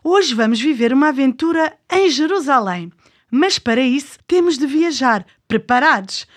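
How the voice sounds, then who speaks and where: A woman with a European Portuguese accent and a high voice co-hosts a children's programme. She delivers scripted, conversational storytelling with an inquisitive, expressive manner. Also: moderate pace.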